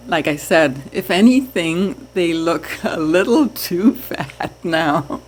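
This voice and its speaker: Woman, fish-keeping vlogger, unhurried chatty talk, lowish voice, light laughs. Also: a little hiss or hum. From Trinidad. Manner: slow, chatty, laughs softly. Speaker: aquarium hobby vlogger. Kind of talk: casual chat to camera.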